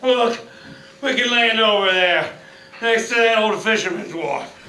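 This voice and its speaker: Man as slow, high-voiced, fretful adventurer. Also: sharp tone. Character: weary, fretful male adventurer with weak lungs. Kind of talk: comic stage radio play. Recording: echoey stage.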